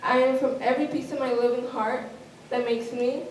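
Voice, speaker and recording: A woman with a slightly high voice recites a personal poem in a steady, list-like cadence. She is picked up from some distance in a very echoey room, with faint noise underneath. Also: normal speed.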